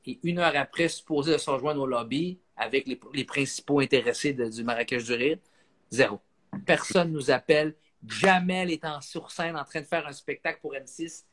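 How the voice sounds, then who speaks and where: Animated Québécois male comedian. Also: on the high side, moderate pace. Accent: Québécois French. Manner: animated, acts out voices. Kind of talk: comic storytelling on a live stream.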